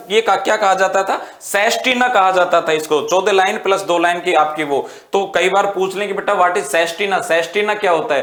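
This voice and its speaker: Male teacher, high pitch, exam-prep lecture, rhetorical questions, Hindi with English terms. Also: fairly bright tone, reverberant. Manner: quizzes students with rhetorical questions, calls them "beta".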